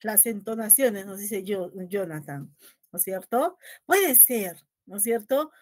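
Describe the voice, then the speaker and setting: A woman's voice: mid-range voice, lively intonation, measured pace, a little mellow, no room sound, studio quality. A woman teaching a linguistics class, asking her students questions and tagging nearly every phrase with a questioning "¿no?". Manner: asks the class questions and acts out lines to her pet dog. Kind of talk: lecture to a class.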